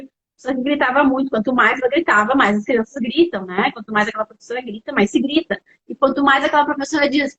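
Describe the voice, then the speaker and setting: High-voiced Brazilian woman giving parenting advice. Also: dull audio. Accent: Brazilian Portuguese. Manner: animated and explanatory, addresses viewers directly. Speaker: educational psychologist hosting a parenting live stream. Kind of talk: casual live-stream advice talk.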